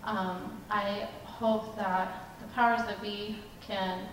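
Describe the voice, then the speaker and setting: A woman from Southern Maryland gives a halting, measured public comment, her voice staying level and unvaried. She is picked up from a distance in a large, echoing meeting room. Noise sits clearly underneath her. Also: mid-range voice, level tone. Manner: measured, halting with many ums. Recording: echoey hall from a distance, background noise.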